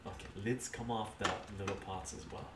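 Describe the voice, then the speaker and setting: An older man hosts a cooking live stream from his home kitchen, chatting easily, reading chat and narrating each step aloud as he cooks. His fairly low, creaky voice holds a steady tone at normal speed. A camera mic some distance away picks him up, giving roomy, distant, noisy kitchen stream audio.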